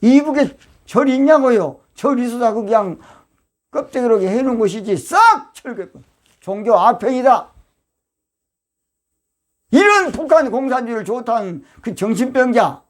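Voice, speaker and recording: An older man, a pastor from Yeosu with a Jeolla accent, preaching a fiery, emphatic sermon that breaks into sudden loud outbursts. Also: very high voice, expressive, measured pace, long pauses. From Yeosu, Jeolla province, South Korea.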